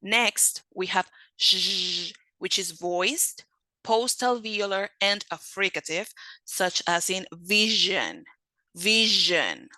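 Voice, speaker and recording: A woman gives a phonetics lesson at a slow, deliberate pace. She steps through each sound and repeats every example word. Her voice is bright and recorded dry. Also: mid-range voice, expressive, dry recording, low-quality recording. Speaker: phonetics teacher. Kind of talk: lecture.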